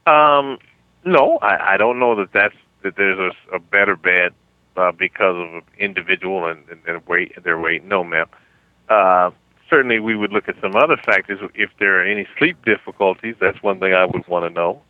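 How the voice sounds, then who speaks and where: Male customer service rep, low voice, polite, stammering, tinny telephone sound. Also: normal speed, dry recording. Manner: polite, stammering, calls the caller ma'am. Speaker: phone sales representative. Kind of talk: customer service phone conversation. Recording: thin, dull telephone line.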